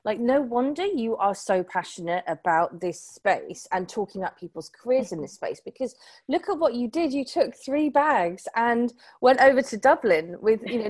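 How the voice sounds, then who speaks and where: A woman's voice: a little high, darkish tone. A woman hosting a podcast, enthusiastic and effusive as she responds to her guest. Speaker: podcast host. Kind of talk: interview hosting.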